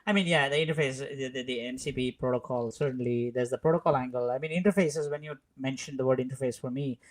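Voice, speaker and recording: A man's voice: medium pitch, steady tone. Easygoing man in casual tech chat. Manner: easygoing, quick to laugh, filler-heavy. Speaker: podcast co-host.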